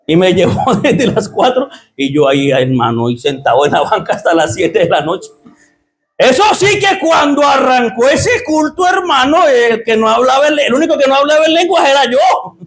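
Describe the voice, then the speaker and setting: A man's voice: very high voice, big pitch swings, normal speed. A Colombian pastor with a Santander accent, a man giving his testimony in church with fervent preaching, keeps calling his listeners brother. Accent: Santander Colombian Spanish. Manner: fervent preaching, often breaks into shouting. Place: church with a congregation.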